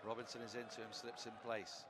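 A man giving live radio cricket commentary, with an excitable way of exclaiming at the big moments. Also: medium pitch, quick pace. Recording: loud crowd and stadium noise behind. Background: cricket ground crowd.

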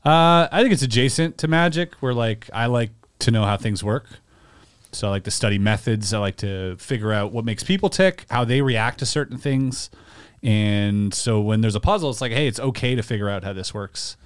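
A man's voice: mid-range voice, normal speed, clear, resonant tone, no echo, clean studio sound. Laid-back German-born man chatting. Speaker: magician and comedian guest. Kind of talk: casual podcast chat.

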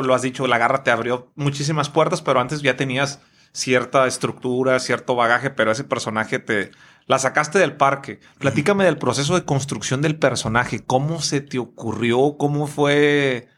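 A man's voice: mid-range voice, moderate pace, a bit bright. A man hosting a podcast, asking friendly, probing questions. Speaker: podcast host. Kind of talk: casual interview.

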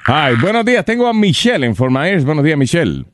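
A man's voice: on the high side, sing-song, slight background noise. A man hosting a radio talk show, teasing callers and co-hosts in playful banter. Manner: playful, teasing, quick to laugh.

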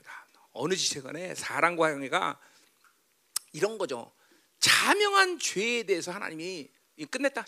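Pastor preaching, high bright voice, wildly lively pitch, soft asides to loud tearful bursts, keeps asking "right?". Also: male voice. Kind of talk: sermon with banter to the congregation.

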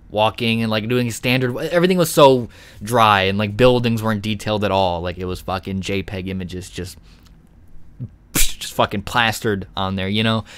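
A man's voice: fairly low pitch, smooth, no echo. Rambling young man, solo podcast. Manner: rambling, excitable, swears often, many fillers. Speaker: podcast host. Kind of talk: solo live podcast chat.

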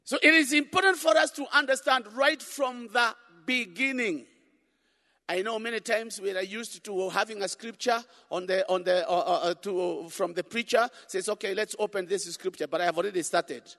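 A man's voice: high voice, moderate pace, sharp tone. A middle-aged or older man preaching a conference sermon, emphatic and repeating phrases for effect, in a large echoing hall. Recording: echoing hall with long reverb.

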